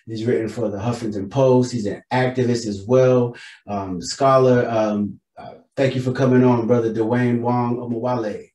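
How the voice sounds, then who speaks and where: A man's voice: mid-range voice, fairly even intonation, moderate pace, mellow, roomy sound. A man hosting an interview, laid-back and appreciative, with loose, easy phrasing. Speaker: podcast host.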